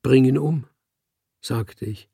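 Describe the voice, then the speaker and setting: A man voicing a calm, cool male leopard in a slow, even storybook reading. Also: medium pitch, gravelly, husky, dry recording, clean studio sound, exaggerated voice. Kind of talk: audiobook reading.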